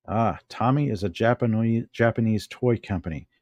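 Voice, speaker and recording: A middle-aged vlogger from the US talks to himself while handling objects in a casual show-and-tell recorded at home, never rushing. His low voice is a little mellow, though the recording sounds muffled.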